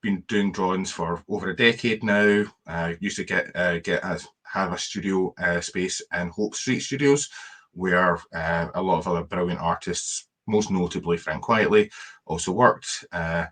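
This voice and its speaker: A man's voice: sits low, unhurried, a bit bright. A man in his thirties with a thick Glasgow accent, chatting casually as a guest artist. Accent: thick Glasgow Scottish. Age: 30s. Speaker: cartoonist and comic book artist, guest. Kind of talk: casual chat.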